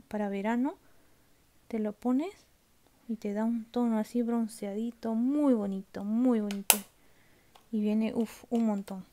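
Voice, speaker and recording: A beauty vlogger whose voice is a little high and dark in tone presents her makeup collection in a casual home video. She talks freely, asks after her viewers often, and at times lowers her voice to a whisper.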